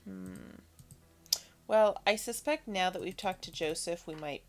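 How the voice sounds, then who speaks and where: Wry woman gamer, unhurried pace. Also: on the low side. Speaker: game streamer co-host playing the game. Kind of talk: casual live game commentary.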